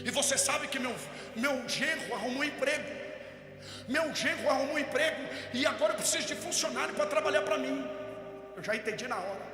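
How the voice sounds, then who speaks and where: High-voiced man preaching in an echoey hall. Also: a little fast. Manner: animated storyteller, rising to shouted preaching. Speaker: pastor. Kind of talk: impassioned sermon storytelling. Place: large hall at a youth event. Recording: echoey hall with music behind.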